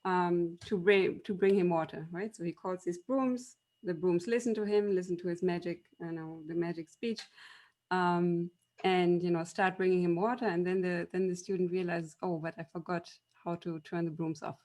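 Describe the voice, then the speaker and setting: Her voice is fairly low and darkish, with fairly even intonation at a normal speed. She's a German machine learning lecturer at a university, speaking with a German accent on a debate panel, telling stories to explain her points amid frequent ums and restarts.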